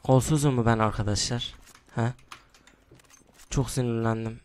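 A young man giving casual commentary while he plays a shooter game, mostly hushed because it is late at night, with sudden excited outbursts and groans. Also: medium pitch, normal speed, slight background noise. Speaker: gaming YouTuber. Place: room at home at night.

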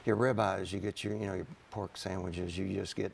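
Gravelly older farmer. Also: male voice, deep voice, level tone, fairly quick, slight background noise. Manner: plain-spoken, earnest, many uh fillers. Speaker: farmer guest. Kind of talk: TV studio interview. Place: TV studio set.

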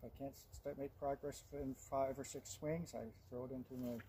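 A man explains his homemade jig in a plain, matter-of-fact way, stumbling over a word now and then. He talks at a mid pitch and is recorded outdoors by a camera set a few meters off. The outdoor audio carries clear background noise. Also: flat delivery, moderate pace, dark tone. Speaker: woodworker demonstrating a homemade jig. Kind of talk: casual outdoor demonstration. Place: backyard outdoors beside a woodshed. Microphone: camera on a tripod a few meters away.

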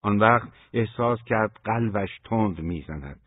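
Low, husky male audiobook narrator. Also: no echo. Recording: dry, phone-like narrow sound.

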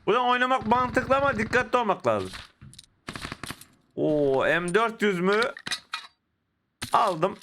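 Excitable young man with a lisp. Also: high voice, unhurried, pauses often, a little hiss or hum. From Turkey. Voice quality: slight lisp from dental braces. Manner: excitable, exclaiming at the action. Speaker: mobile game streamer. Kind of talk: casual gameplay commentary. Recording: gameplay audio and gunfire behind.

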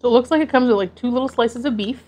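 A mukbang vlogger in her thirties chats casually between bites of food, sitting on her living room sofa with a lapel mic clipped on. Her voice is a little high and a little mellow, and she talks quickly.

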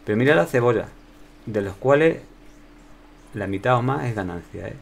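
A man's voice: mid-range voice, lively intonation, normal speed, creaky, slight background noise. A man with a Spain Spanish accent chatting casually to himself and his viewers while playing a video game. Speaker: gameplay commentator. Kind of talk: casual gameplay commentary.

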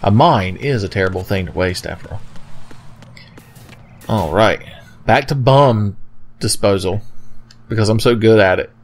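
A man's voice: lowish voice, measured pace, pauses often, a little hiss or hum. A man giving joking, sarcastic commentary as he plays a video game, swearing casually. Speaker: video game let's player.

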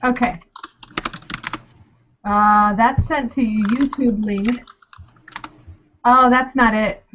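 A woman's voice: on the high side, steady tone, slow pace, fairly bright tone, slight background noise, low-quality recording. A woman co-hosting a live Q&A in a casual video chat, bubbly and rambling with lots of fillers, heard through a computer mic. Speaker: co-host of a live Q&A.

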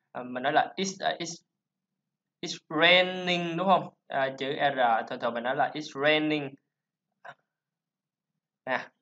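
In this dull, lo-fi screen-recorded lesson, a man whose medium-pitched voice is a bit bright explains English pronunciation in a chatty way and drills every sound repeatedly.

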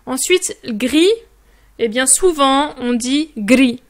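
Woman teacher, high voice, unhurried, drills each word three times. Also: lively intonation. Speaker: language teacher. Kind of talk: vocabulary lesson.

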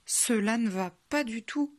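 A woman's voice: a little high, measured pace, darkish tone. Woman voicing a fussy big bad wolf. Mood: dismayed. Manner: fussy, exclaims in dismay.

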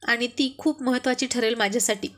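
A busy young housewife who asks favours politely and coaxingly, read by a woman. The voice is a little high, told as a spoken family story. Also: fairly even intonation, fairly quick, a bit bright, lightly acted. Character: busy young housewife preparing festival sweets.

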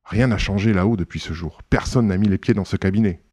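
A man's voice: fairly low pitch, fast talker, a little mellow, husky, no echo, studio quality. A man reading an audiobook, voicing an aristocratic count who answers curtly and impatiently. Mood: irritated. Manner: impatient, irritable, curt.

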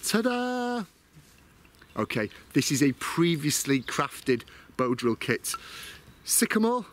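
A man's voice: a little high, big pitch swings, takes it slowly, a bit bright, slight background noise. A man in his forties, a bushcraft vlogger, chatting to camera in a casual, self-mocking way as he explains his kit outdoors in a woodland.

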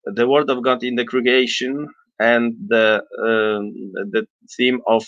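A man in his fifties explains things off the cuff in non-native English. He speaks slowly and haltingly at a medium pitch, searching for words. The webcam recording is dull and lo-fi, with little room echo. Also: little pitch movement. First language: not English. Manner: halting, hesitant, searching for words, frequent throat-clearing. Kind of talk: unscripted explanatory talk. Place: small indoor room with bookshelves.

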